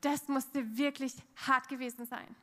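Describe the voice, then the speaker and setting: A woman interpreting a sermon live, echoing the preacher's expressive tone. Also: high voice, measured pace.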